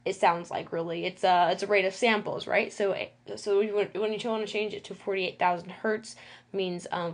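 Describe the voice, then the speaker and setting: Female tutorial presenter, medium pitch, lisp with whistly s, informal and halting, mildly self-conscious. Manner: halting, self-conscious, checks in with "okay, cool".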